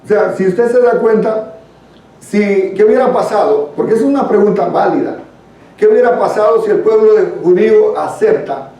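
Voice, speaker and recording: The speaker, a man with a high, warm voice and a Guatemalan accent, talks at an ordinary pace. He reads and unpacks scripture for a church Bible study with an earnest, conversational teaching style, recorded from a distant mic in a very echoey room.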